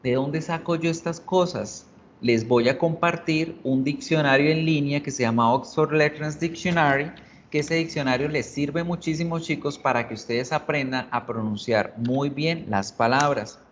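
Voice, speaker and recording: A man's voice: on the high side, normal speed, highs cut off, slight background noise. A male English teacher explaining in a video lesson, patiently repeating words to drill pronunciation.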